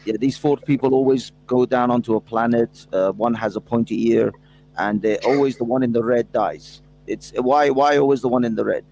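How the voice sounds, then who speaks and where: A man with an ordinary mid-pitched voice plays dumb in a flat, deadpan way. A faint hum sits under his voice. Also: normal speed, low-quality recording. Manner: deadpan, mock-naive. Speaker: livestream panelist. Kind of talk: deadpan joking.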